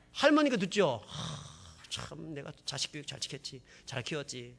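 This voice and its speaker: Brief: male pastor, high bright voice, dramatic testimony, hushed to loud. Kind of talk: sermon testimony.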